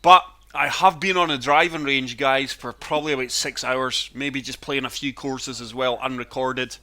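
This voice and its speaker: Male gaming host, mid-pitched and bright, chesty and wheezy with a cold, casual golf play-by-play. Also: steady tone, moderate pace. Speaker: gaming channel host and player. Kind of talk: casual golf game commentary.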